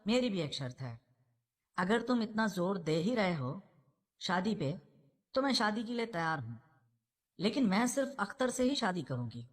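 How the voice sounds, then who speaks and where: A widowed middle-aged mother in a read-aloud novel answers sharply and defensively, as a woman narrator puts her on. Her voice stays close to the reader's own, with a mid pitch for a woman. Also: big pitch swings, long pauses.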